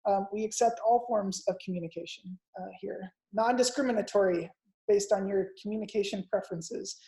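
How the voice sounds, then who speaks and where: A man hosting a monthly video call, talking casually in a relaxed, rambling way with lots of fillers. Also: high-pitched, brisk, reverberant, low-quality recording. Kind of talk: casual welcoming introduction.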